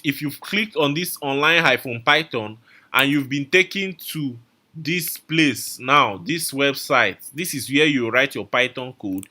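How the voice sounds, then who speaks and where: A man with a medium-pitched, sharp-toned voice teaches a live online coding class. He's repetitive and coaxing, repeating his instructions and calling out viewers' names from the chat.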